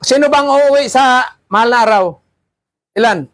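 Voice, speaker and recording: Guy teaching seaman trainees, highish voice, dry close sound, keeps asking ha? di ba?. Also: moderate pace, a bit bright, dry recording. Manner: lecturing, with frequent "ha?" and "di ba?" checks. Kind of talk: classroom talk.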